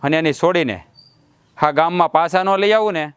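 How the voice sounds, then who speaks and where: Guy playing a village husband, boastful, smooth voice, fairly high for a man. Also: quick pace, no echo, close to an everyday voice. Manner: boastful, swaggering, blustering. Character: proud blustering village husband, middle-aged.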